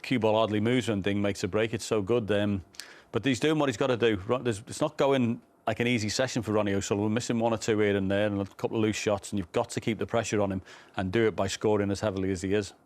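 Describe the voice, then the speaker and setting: A man's voice: fairly low pitch, steady tone, fast talker, few pauses, a little mellow. A man working as a snooker pundit, giving conversational analysis of the match.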